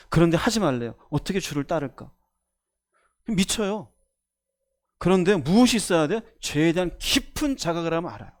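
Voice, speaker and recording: A man preaching a sermon as pastor, emphatic, asking the congregation questions and acting out voices. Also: fairly high pitch.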